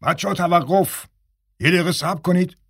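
A man's voice: a little high, expressive, breathy edge, dry recording, studio quality. A male narrator voicing a stern, irritable theatre director who scolds a late actor in a raised, commanding voice. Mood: angry.

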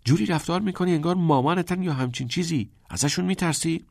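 A man's voice: a little high, gravelly, darkish tone, no room sound, studio quality, voice pushed up. A man voicing a cocky, rebellious teenage schoolboy, cool and self-assured with a teasing edge.

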